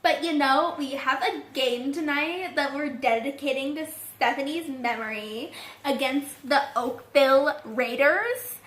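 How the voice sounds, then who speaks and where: A woman's voice: sits high, unhurried, a bit bright. A woman playing a melodramatic, self-important small-town girl cheer captain who gushes and sniffles. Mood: tearful. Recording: echoey room.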